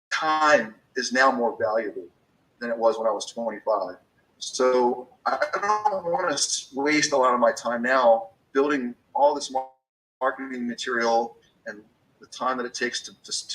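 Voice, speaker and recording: A man's voice: mid-range voice, a bit bright, recorded from a distance, low-quality recording. A man in his fifties talking casually about business, rambling with many restarts and fillers. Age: 50s.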